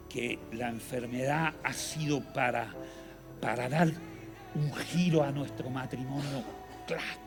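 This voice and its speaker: A middle-aged man speaks at an ordinary mid pitch, telling his own faith story in an earnest, conversational way. He pauses to reflect as he goes. Music plays clearly beneath his voice. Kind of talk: personal testimony talk. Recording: music playing behind the voice.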